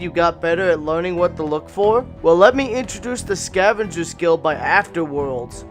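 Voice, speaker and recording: High-voiced man reviewing game mods casually. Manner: casual and slangy, enthusiastic. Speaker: gaming YouTuber reviewing mods. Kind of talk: scripted game review voice-over.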